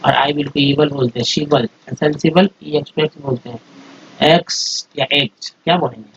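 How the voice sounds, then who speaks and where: A man with a slightly high, fairly bright voice runs a spoken phonics lesson on slides, breaking English words into parts and then putting them back together. He talks at a moderate pace, and the dull lo-fi recording carries a little hiss or hum.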